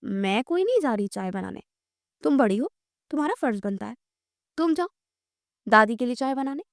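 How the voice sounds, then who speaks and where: A woman's voice: on the high side, lively intonation, normal speed, no room sound, clean studio sound. A woman voicing a stubborn younger sister who wheedles and pleads. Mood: wheedling.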